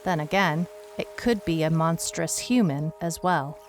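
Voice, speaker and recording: Low and unhurried, a woman's voice carries the first-person narration of an audio mystery serial, with slight background noise. She plays its lead, a skeptical, wry private detective, musing dryly while sounding puzzled and uneasy.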